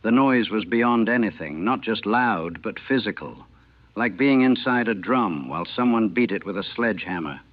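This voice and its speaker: A navy veteran in his sixties describes a battle he fought in, his lowish voice moving with lively intonation at a normal speed while his manner stays plain and matter-of-fact. This old 1940 recording is thin, dry, phone-like and echo-free.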